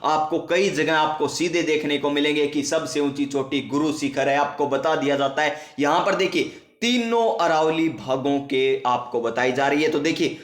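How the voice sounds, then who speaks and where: Guy teaching exam prep, keeps asking then answering himself, slightly high voice, roomy echo. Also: moderate pace. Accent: Rajasthani. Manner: asks and answers his own questions, repeats key facts. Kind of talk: exam-prep geography lesson.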